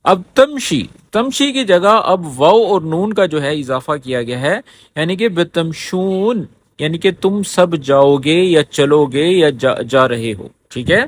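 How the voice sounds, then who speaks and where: A man teaching spoken phrases in a lesson. He explains patiently, repeats each phrase slowly and keeps checking that the listener has understood. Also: a little high, animated, a little hiss or hum. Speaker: Arabic teacher.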